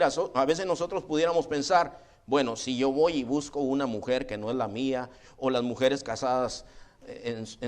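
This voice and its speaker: A man preaching a sermon in a church. He speaks conversationally, often calling the congregation "brother" and asking "right?", and he slows down when he reads scripture aloud. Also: medium pitch. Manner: conversational preaching, often adds "hermano" and "¿verdad?"; slow, deliberate congregational reading of scripture. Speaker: pastor. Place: church sanctuary.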